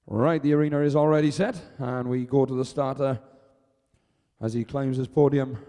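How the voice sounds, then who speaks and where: A man's voice: medium pitch, fairly even intonation, normal speed, warm tone. A Welsh man announcing a live event, chatting with and teasing the crowd between races. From Wales. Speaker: arena announcer. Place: outdoor arena. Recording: echoey arena PA.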